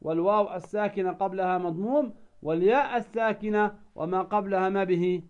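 A man teaching recitation rules who poses questions and then answers them, now and then chanting verses slowly. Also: high-pitched, steady tone, darkish tone, highs cut off. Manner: asks the listener a question, then answers it himself. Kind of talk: tajweed lesson.

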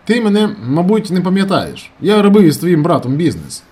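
A man's voice: sits high, sing-song, normal speed, mellow, slightly rough, voice pushed up, heavily acted. A man voicing a pushy, eccentric middle-aged airfield mechanic who talks insistently and conspiratorially.

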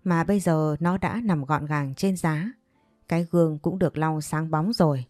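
A woman's voice: low-pitched, normal speed, dark tone, no echo, faint music behind. A woman narrating a romance story in the first person, in an intimate, confiding way.

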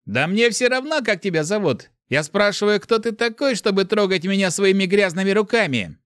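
A man voicing an angry teenage bully boy who shouts and snarls. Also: high-pitched, expressive, moderate pace, dry recording, clean studio sound, voice pushed up. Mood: furious.

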